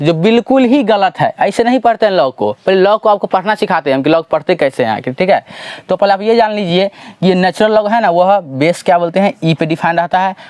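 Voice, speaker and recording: A man with a Bihari Hindi accent teaching a math lesson, asking and answering his own questions and drawing out each formula slowly. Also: sits high, a little mellow, no echo.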